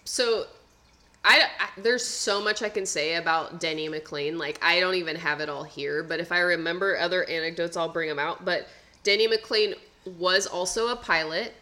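A woman's voice: fairly low pitch, moderate pace, bright, forceful tone. A woman co-hosting a podcast, casually telling baseball history stories with dry asides. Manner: anecdotal storyteller, dry asides. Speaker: podcast co-host.

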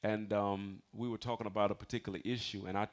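This American pastor, also in his forties, speaks fast in a fairly low, flat voice. Addressing his congregation inside the church, he weaves his own testimony together with forceful, chatty appeals for amens.

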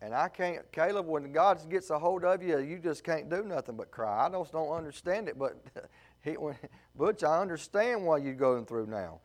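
A man preaching a sermon with deep feeling, drawing out words of scripture and speaking in plain folksy grammar. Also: animated. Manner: emotional, fervent preaching with Southern folk grammar; slow, drawn-out emphasis on scripture words.

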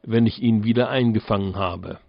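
A man voicing a clever, cautious young student in a fairy tale, calm and shrewd. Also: lowish voice, moderate pace, creaky, no room sound, highs cut off.

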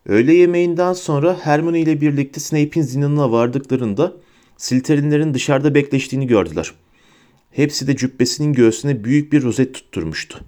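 A man reads an audiobook aloud in a measured, expressive storytelling voice. His tone is mellow and dark. He pays close attention to each sentence. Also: mid-range voice. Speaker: audiobook narrator. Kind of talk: scripted audiobook narration.

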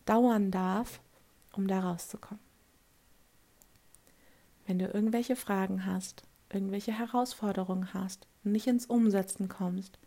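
A woman coach talks straight to her listener in an earnest motivational monologue. Her voice sits at a middle pitch with a steady gravelly fry. She often checks in with a quick question for agreement. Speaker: life coach.

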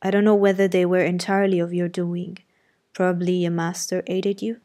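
A woman voicing a brusque, imperious middle-aged gentleman who questions sardonically and gives orders, read as audiobook character dialogue. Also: lowish voice, flat delivery, a little fast, natural voice. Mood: brusque, commanding.

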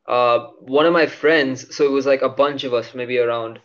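A man's voice: medium pitch, fairly even intonation, normal speed. A young man chatting casually on a podcast, rambling with lots of fillers and frequent swearing. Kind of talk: casual chat. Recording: dull lo-fi audio.

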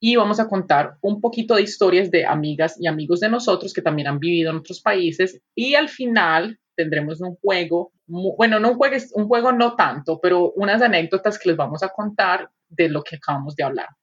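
A woman chats casually as a podcast co-host, upbeat and full of stories. Her voice is husky and rather low. The recording sounds dull and lo-fi. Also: lively intonation, fairly quick, hardly any pauses. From Colombia. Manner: chatty, upbeat storytelling.

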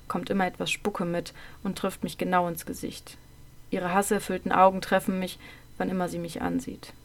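Woman telling her childhood story, calm and measured, trails off quiet at line ends. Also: mid-range voice. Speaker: narrator. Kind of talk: first-person storytelling of a childhood memoir.

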